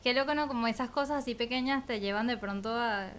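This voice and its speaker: A woman's voice: on the high side, quick pace, slight background noise. A woman hosting a podcast, introducing and interviewing a guest in friendly, casual talk, laughing often. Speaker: podcast host.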